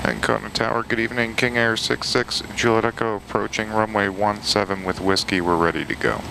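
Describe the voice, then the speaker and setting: A man with a creaky, low voice works through pilot procedures in a flight simulator. He is matter-of-fact and orderly, talking over a clear drone of aircraft noise. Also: a little fast, rough recording. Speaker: flight sim streamer, pilot. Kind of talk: checklist read-out, pilot radio calls and commentary. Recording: steady aircraft engine noise. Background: simulated turboprop cockpit noise.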